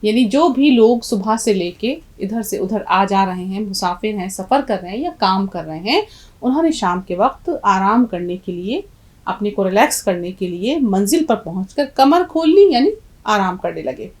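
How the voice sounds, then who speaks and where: A woman's voice: medium pitch, expressive, poor audio. A middle-aged woman teaching a language lesson, patiently explaining letters and quizzing her students. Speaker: Urdu teacher.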